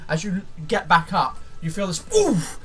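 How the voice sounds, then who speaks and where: A man acting as game master, narrating and refereeing a tabletop roleplaying game in a halting way, rephrasing as he goes. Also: high voice, sing-song, a bit bright. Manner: halting, often rephrasing mid-sentence.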